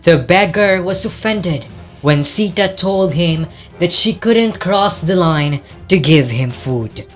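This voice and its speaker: A narrator telling an epic tale in slow, measured scripted narration. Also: mid-range voice, expressive, faint music behind.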